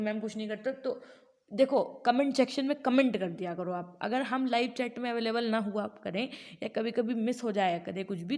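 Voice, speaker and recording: Woman teaching online, explains step by step, keeps asking the class to answer, voice a bit high. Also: a little mellow.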